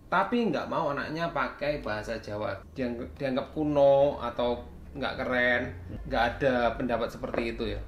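A man's voice: mid-range voice, normal speed, dull audio. A young man with an East Javanese accent hosting a casual chat. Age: young adult. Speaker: host, interviewing parents. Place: small home room indoors, camera mic. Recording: echoey room with background noise.

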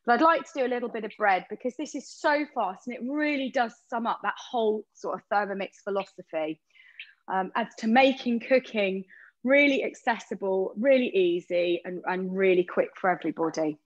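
A woman's voice: medium pitch, moderate pace, lo-fi sound. A woman giving a live cooking demo over a video call from a kitchen, chatty and explaining step by step. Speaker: cooking appliance demonstrator.

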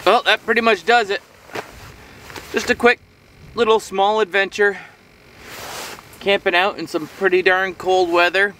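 Middle-aged man, easygoing outdoor vlogger, chatty and meandering; bright tone, camera mic set back outdoors. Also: high-pitched, level tone, measured pace, long pauses, distant mic, slight background noise. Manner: rambling, easygoing, talking to himself while eating. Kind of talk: casual solo vlog. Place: outdoors on a frozen lakeshore in winter. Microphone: camera on a tripod a few metres away.

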